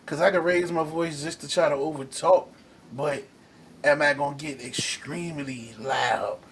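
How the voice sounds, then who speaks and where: A man with a slightly high voice runs a casual call-in discussion, scrolling through viewer comments as he goes. His delivery is loose and excitable, jumping up in volume when he drives a point home. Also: normal speed, a little hiss or hum. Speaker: podcast host reading live comments. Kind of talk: casual chat.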